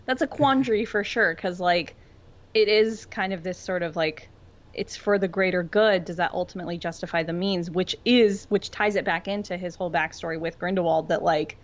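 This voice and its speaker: A woman with a fairly low voice co-hosts a podcast, casually discussing fiction at a normal speed. She reasons aloud in an earnest, thoughtful, informal way, and the audio is dull and lo-fi.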